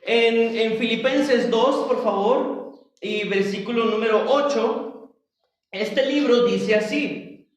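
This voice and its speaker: A man preaching a Bible study sermon as pastor, slow and halting, often restarting and turning to address his congregation. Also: very high-pitched. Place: church. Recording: roomy church hall, mic at a distance.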